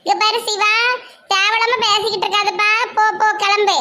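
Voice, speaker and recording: A woman's voice: very high voice, level tone, brisk, pushed and bright. A woman voicing a blunt, scolding young village woman in a cartoon, with a Tirunelveli Tamil accent.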